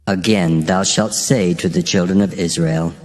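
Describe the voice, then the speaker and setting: Casting: male actor as God, very low voice in long reverb, solemn and commanding, dramatized scripture. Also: fairly even intonation, moderate pace, natural voice. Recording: long cavernous reverb over music. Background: music.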